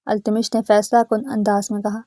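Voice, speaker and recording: A woman narrating a scripted story in an even, steady way. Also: medium pitch, dry recording.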